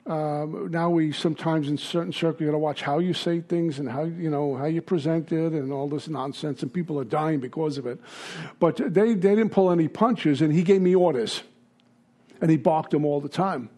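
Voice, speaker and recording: Brooklyn-accented man, recovery meeting speaker, blunt and halting, a touch high. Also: dark tone. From Brooklyn, New York. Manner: blunt, halting, with many fillers. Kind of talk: personal testimony talk.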